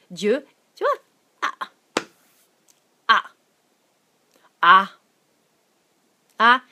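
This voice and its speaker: A woman with a Quebec French accent giving a casual, animated sermon, reading and answering viewers' comments as she goes. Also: slightly rough. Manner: animated, switching to soft low tones for scripture. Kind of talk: informal live-stream sermon.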